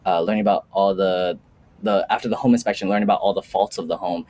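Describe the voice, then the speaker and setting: A man's voice: low voice, steady tone, fast, a little mellow. A young man chatting casually as a podcast guest, rambling with lots of restarts and fillers. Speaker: podcast guest, new real estate agent. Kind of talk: casual chat.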